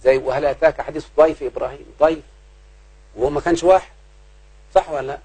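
A man's voice: fairly high pitch, steady tone, quick pace, mellow, husky, rough recording. A man with an Egyptian Arabic accent explaining grammar to his pupils, checking again and again whether they have understood. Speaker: grammar teacher.

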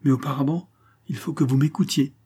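A man reading a novel aloud, voicing a proud and commanding noblewoman with a forceful, insistent delivery. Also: mid-range voice, fairly even intonation, brisk, slightly rough, voice pushed up.

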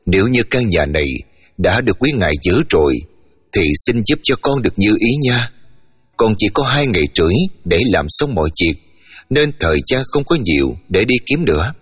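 A determined young woman traveler who insists on getting her way, as a husky-voiced male reader puts her on. The voice sits fairly low, and a long hall reverb carries it over faint music. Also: animated, moderate pace, a bit bright. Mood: prayerful. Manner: firm and insistent.

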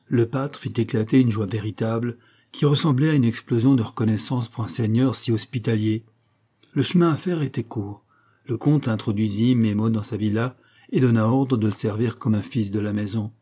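Male audiobook reader, measured storyteller, mellow dark voice. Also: fairly low pitch, slightly rough. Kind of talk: scripted narration of a classic novella.

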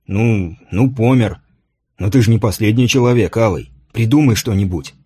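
A man's voice: fairly low pitch, normal speed, mellow, breathy edge. A man voicing a loyal, plain-spoken palace guard sergeant who talks in a coaxing, colloquial way.

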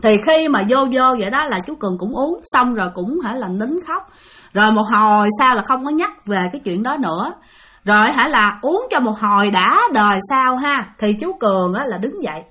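A woman's voice: on the high side, animated, normal speed, sharp tone. A woman narrating a ghost story casually, often turning to address her listeners.

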